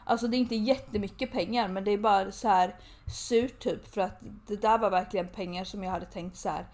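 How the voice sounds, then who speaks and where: A woman's voice: mid-range voice, steady tone, a little mellow. A young woman co-hosting a podcast, telling a story in casual chat, chatty and swearing freely. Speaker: podcast co-host.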